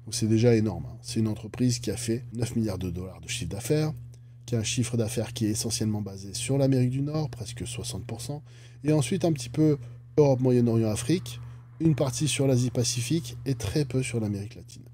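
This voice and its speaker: Chatty man with a mellow voice. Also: mid-range voice, brisk, a little hiss or hum. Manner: chatty, jokey asides. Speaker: stock analysis YouTuber. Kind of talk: casual finance commentary.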